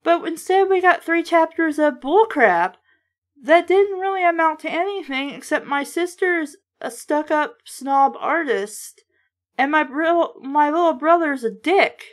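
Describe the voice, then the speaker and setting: Hosting a book show, a woman with a slightly high voice offers casual, critical commentary. She's blunt, exasperated and expressive, swearing freely as she makes her points at an unhurried pace.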